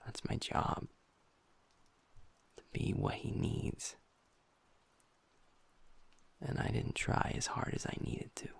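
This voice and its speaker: This intimate audio roleplay features a man as a gentle young werewolf boyfriend, typically bright but now dejected. His natural voice is quiet and near the mic, often a half-whisper, and he confides vulnerably, stopping and restarting as he goes.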